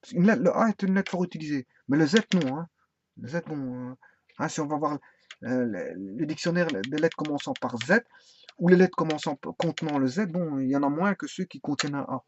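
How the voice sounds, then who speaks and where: Guy talking thru a laptop keyboard demo, bit high voice, lots of ums, dull lo-fi sound. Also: fairly quick. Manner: rambling, hesitant, many fillers and restarts. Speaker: tutorial presenter. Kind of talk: casual spoken tutorial on laptop keyboards. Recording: dull lo-fi sound with faint hiss.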